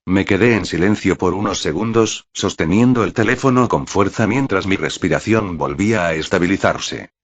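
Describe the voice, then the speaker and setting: Deep-voiced man narrating a story. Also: moderate pace, hardly any pauses, dull audio. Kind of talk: first-person audiobook narration.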